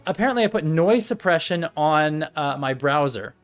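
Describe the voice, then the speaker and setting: Over background music, a young streamer rambles and talks to himself while setting things up on his live stream. He speaks at a normal speed in a fairly high voice with lively intonation.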